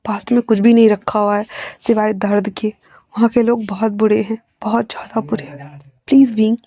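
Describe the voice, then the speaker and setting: A woman voicing a cold, possessive, domineering young man who drops into a husky tone when soothing. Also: mid-range voice, flat delivery, normal speed, dark tone, dry recording, lightly acted. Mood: husky pleading.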